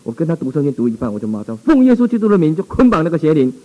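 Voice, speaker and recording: A man's voice: a little high, very animated, racing, highs cut off. A male pastor telling a dramatic, exclamatory testimony in a sermon.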